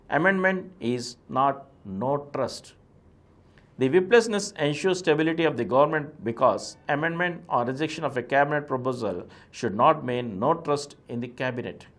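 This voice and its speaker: A male presenter with an Indian accent reads a political essay aloud in a mid-pitched, slightly bright voice. He delivers each statement formally and deliberately, pressing firmly on key words.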